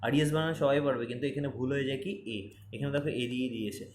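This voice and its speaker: Fast-talking male spelling teacher. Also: mid-range voice, a little mellow, a little hiss or hum. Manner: spells words letter by letter, repeats for emphasis. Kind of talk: exam-prep spelling lesson. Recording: roomy echo, faint ambience.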